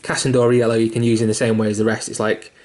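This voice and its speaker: A man's voice: lowish voice, level tone, quick pace, a little mellow. A young man giving a casual miniature painting tutorial, rambling a little, with fillers, restarts and the odd swear word. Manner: mildly self-deprecating and sweary. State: hiccuping.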